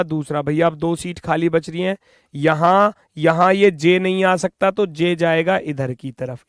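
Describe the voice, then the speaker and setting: With a smooth, slightly high voice, a man teaches reasoning in English with an Indian accent for an online exam-prep class. His style is brisk and coaxing, with the odd playful scolding. The recording has clean studio sound and no echo.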